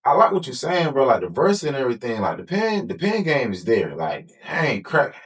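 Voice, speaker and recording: A man's voice: medium pitch, huge pitch swings, brisk, slightly rough, recorded from a distance, voice pushed up, full character voice. A man voicing a male record producer, laid-back and encouraging, talking in easy slang.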